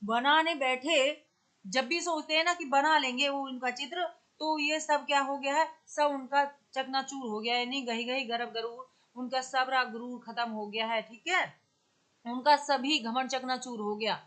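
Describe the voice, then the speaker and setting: A woman teacher explaining grammar step by step, reciting verse lines slowly and drawing them out. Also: high voice, fairly even intonation, fairly bright tone. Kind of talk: exam-prep grammar lesson.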